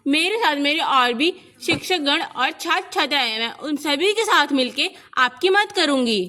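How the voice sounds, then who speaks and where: A woman's voice: high voice, animated, moderate pace, bright, forceful tone. A woman playing a caring, resolute schoolteacher in an amateur street play, declaiming reassuringly on a noisy recording. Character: caring, resolute female schoolteacher, devoted daughter.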